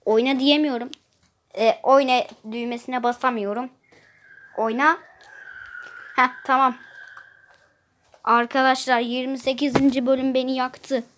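Woman, gameplay commentary, high voice, unhurried, chatty, hums and sings to herself. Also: level tone, a bit bright, a little hiss or hum. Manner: chatty, complains about hard levels, hums and sings to herself. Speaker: gameplay streamer.

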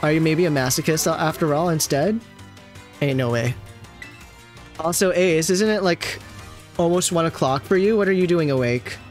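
Guy reacting to a game, casual and jokey, voice a bit high, game music faint in the back. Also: moderate pace, long pauses. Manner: chatty and reactive, joking about the game. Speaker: gaming video host. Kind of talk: casual gameplay commentary.

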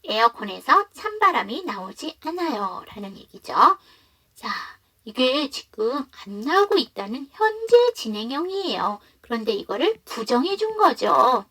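A woman teaching an online English lesson who explains patiently and reads example sentences slowly. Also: high-pitched, sing-song, fairly bright tone, breathy edge.

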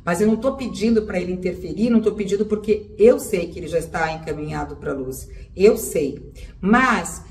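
A woman's voice: fairly low pitch, expressive, moderate pace, a little mellow. Woman giving spiritual advice in an echoey room. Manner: conversational, repeats phrases, often addresses listeners directly. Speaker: holistic therapist. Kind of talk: spiritual advice talk to viewers. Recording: roomy echo, voice a bit far from the mic, faint background noise.

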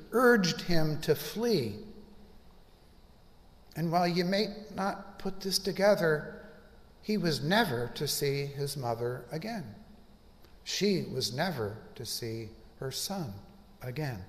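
Slow, measured older preaching man. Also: a little high, animated. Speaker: pastor. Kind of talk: sermon. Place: church sanctuary, at a pulpit. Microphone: pulpit microphone. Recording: reverberant church hall.

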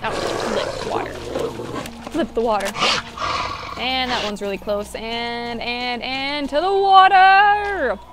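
Female gamer talking over her own play, cheeky, curses freely, sing-song teasing, higher voice, game sound loud underneath. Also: steady tone, slow pace, long pauses. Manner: playful, swears a lot, sing-song bursts. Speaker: gameplay commentator. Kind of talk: casual game commentary. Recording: loud game noise behind.

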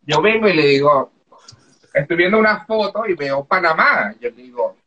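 A woman from Venezuela with a Venezuelan accent, telling her own story in casual chat, animated, laughing often and acting out the dialogue. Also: low-pitched, normal speed, highs cut off. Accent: Venezuelan Spanish.

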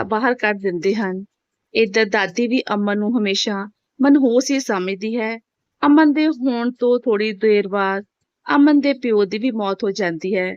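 A woman narrating a scripted story in a steady, plain reading voice. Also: a little high, no echo. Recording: dull, dry home recording.

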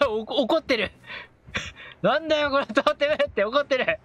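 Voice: high-pitched, moderate pace, fairly bright tone. A game streamer giving casual live commentary, chatty and playful, laughing often between remarks.

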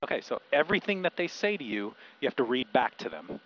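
A man's voice: mid-range voice, sing-song, fast talker. A middle-aged man, a pilot and flight instructor, explaining procedures and making radio calls through an aviation headset. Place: small airplane cockpit. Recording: dull aircraft intercom, engine noise.

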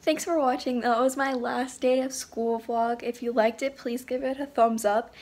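A woman's voice: fairly high pitch, steady tone, moderate pace. A teenage girl vlogging her day in a casual, offhand way. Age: teens. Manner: laid-back, offhand. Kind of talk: casual vlog chat. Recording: loud background noise.

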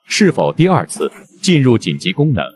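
A man's voice: mid-range voice, wildly swooping pitch, normal speed. A man voicing an impassive computer system that gives formal, impersonal alerts in a short drama. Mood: impassive warning.

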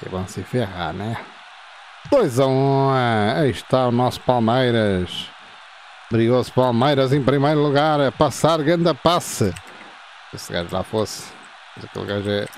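A man, playing a football video game and reacting excitedly, shouting and repeating words. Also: mid-range voice, measured pace, slight background noise. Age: 50s.

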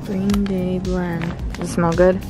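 A woman's voice: on the low side, little pitch movement, a little slow, over music. A young woman in her twenties filming a casual shopping vlog in a large store, chatty and upbeat. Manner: chatty, upbeat, laughs often. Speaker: vlogger. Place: large retail store, indoors.

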